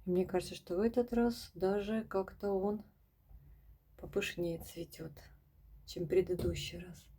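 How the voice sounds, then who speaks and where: A woman showing her houseplants in a casual vlog at home, speaking softly and often dropping to a whisper as she talks to her viewers. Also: on the low side, steady tone, a little slow, slightly rough. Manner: soft-spoken, often drops to a whisper, addresses viewers as girls. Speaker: plant vlogger. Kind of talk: casual plant-collection vlog. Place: home among houseplants, indoors.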